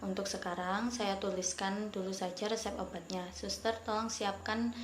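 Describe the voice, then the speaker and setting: A woman's voice: medium pitch, little pitch movement, normal speed, a crowd in the background, close to an everyday voice. A woman playing a reassuring doctor who explains treatment in a scripted student role-play. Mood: calm, explanatory. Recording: echoey room, faint background noise.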